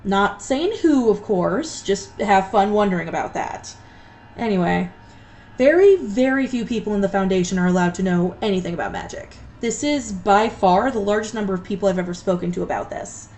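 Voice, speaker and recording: An awkward, exasperated female magic scientist played by a woman in an audio drama. Her pitch swings in a lively way as she rambles and hesitates like a reluctant lecturer. There is faint noise behind her. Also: normal speed, close to an everyday voice. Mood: dryly exasperated. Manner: rambling, hesitant, dryly exasperated public speaker.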